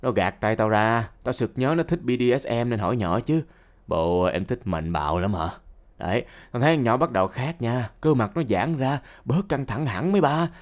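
Male storyteller for comic confessions: slangy, lively, talks straight to the audience, swings from hushed lows to yelps. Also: a little fast, few pauses. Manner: slangy and animated, addresses listeners directly; swings between low mutters and sudden high outbursts. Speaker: storyteller reading listener confessions. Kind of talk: comic first-person story narration.

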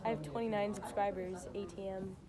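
A woman's voice: mid-range voice, fairly even intonation, a little fast. A teenage girl vlogging at school, narrating in a playful, jokey way and laughing often, on a phone camera. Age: teens. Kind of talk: casual chat. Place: noisy school rooms and halls. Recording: loud chatter behind.

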